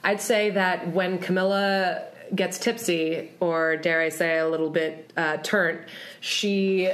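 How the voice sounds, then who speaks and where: A woman's voice: lowish voice, steady tone, slow, a bit bright. A woman in her late twenties, telling stories as an interview guest and laughing through them. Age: late 20s. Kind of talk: casual storytelling. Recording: roomy echo.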